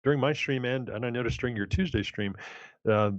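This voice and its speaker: A man's voice: mid-range voice, a little fast, no echo. A man co-hosting a casual live stream, easygoing, with short interjections and dry jokes. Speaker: co-host. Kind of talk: casual livestream chat. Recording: dull, lo-fi dry remote mic.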